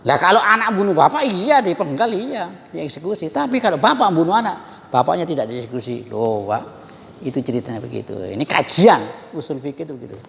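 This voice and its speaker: A man gives a religious study talk, lively and joking as he turns again and again to address his listeners. His voice sits a little high for a man. A long reverb trails behind him, as in a large hall. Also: brisk, creaky. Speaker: religious teacher.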